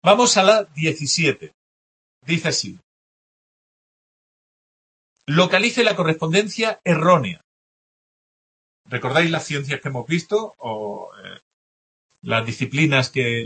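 Male teacher, husky, a bit high; patient classroom explainer. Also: a bit bright. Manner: explanatory, checks in often with the class. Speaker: language teacher. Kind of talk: classroom lecture going over test answers.

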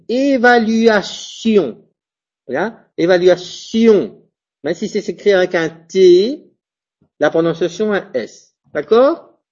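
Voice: mid-range voice, darkish tone, breathy edge. A French teacher giving a pronunciation lesson who spells out letters, repeats example words and keeps asking if the class follows. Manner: spells out letters and checks understanding often; repeats example words slowly, self-corrects. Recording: dull lo-fi recording.

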